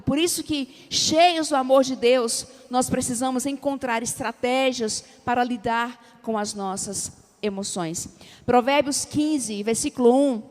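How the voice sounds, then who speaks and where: A woman with a Brazilian Portuguese accent preaching a sermon, drawing the congregation into call-and-response and acting out everyday dialogue. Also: a little high. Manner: lively, acts out everyday dialogue. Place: church sanctuary. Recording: long church hall reverb.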